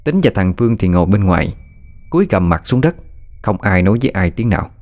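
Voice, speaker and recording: A man's voice: deep voice, big pitch swings, fast, darkish tone. A man narrating a horror story. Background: faint music.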